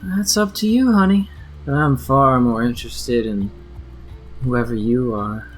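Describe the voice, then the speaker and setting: A man's voice: medium pitch, unhurried, close to an everyday voice. A seductive femme fatale barmaid, acted out by a man at a tabletop game, flirting in a sultry way with sweet pet names. Faint music plays underneath. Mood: sultry, flirtatious. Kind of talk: in-character tabletop role-play.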